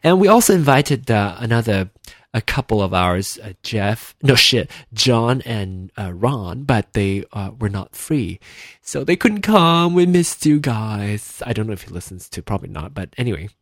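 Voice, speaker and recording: Rambling chatty man with a lively voice. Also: lowish voice, normal speed, dry recording, clean studio sound. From Malaysia. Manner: rambling, self-correcting, chatty with frequent fillers. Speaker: podcast host. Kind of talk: casual solo podcast chat. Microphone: in-ear headphones with a desk mic.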